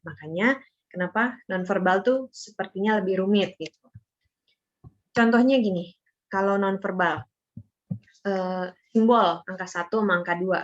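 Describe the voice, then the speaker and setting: Young woman talking through a class presentation, laid-back and chatty with lots of ums, mid pitch, kinda dull lo-fi audio. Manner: chatty, with many fillers and tag words. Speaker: student presenter. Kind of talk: casual explanatory presentation.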